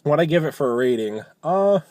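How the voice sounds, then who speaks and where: A man's voice: fairly high pitch, animated, a little fast, darkish tone, no room sound. A man giving a casual, chatty food review, talking loosely and often rephrasing as he goes.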